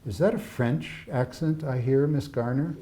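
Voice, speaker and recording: A man's voice: mid-range voice, a little slow, dark tone, a little hiss or hum, voice pushed up, close to an everyday voice. A man voicing a confident, teasing upper-class girl of about twenty, talking with breezy eagerness.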